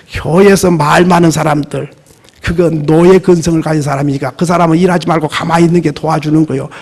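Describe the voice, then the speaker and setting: A man preaching a sermon as a pastor, animated, acting out the voices he quotes. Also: a little high, gravelly.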